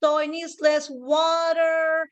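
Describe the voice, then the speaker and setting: High-pitched Colombian woman hosting cooking demo. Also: level tone, slow. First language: Spanish. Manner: chatty, informal, repeats phrases for emphasis. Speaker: cooking show host, home cook. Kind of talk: casual cooking demonstration chat.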